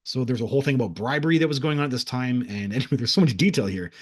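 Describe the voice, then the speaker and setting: A man's voice: mid-range voice, expressive, rapid-fire, breathy edge. A man casually recounting a vision in a rambling monologue, full of restarts and fillers, sometimes acting out crowd voices. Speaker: speaker recounting a past-life vision.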